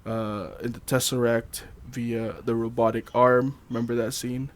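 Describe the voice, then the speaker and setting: A man's voice: medium pitch, level tone, unhurried. A man hosting a casual chat, reading trivia notes loosely with fillers, laughs and the odd swear. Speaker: podcast host.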